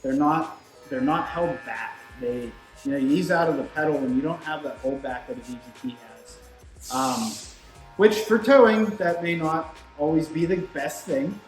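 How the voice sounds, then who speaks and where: Here a man with a slightly high voice, at a moderate pace, explains technical details in a relaxed, shop-talk way, like a product expert in conversation. Behind him are running shop machines and music, all caught in a roomy, echoing recording.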